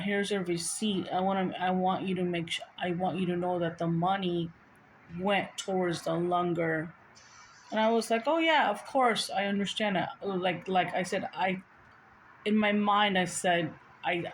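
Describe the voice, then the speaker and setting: A woman's voice: lowish voice, a little hiss or hum. A woman vlogger telling her viewers a personal story in a casual, earnest and rambling way, often restarting her sentences.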